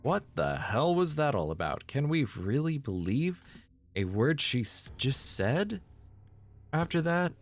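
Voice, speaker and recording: A man's voice: medium pitch, sing-song, a little slow, pitched above the performer's own voice. A man voicing a rattled, sarcastic young student survivor in a horror game, informal and exclamatory. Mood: alarmed. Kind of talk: amateur game dialogue voice-over.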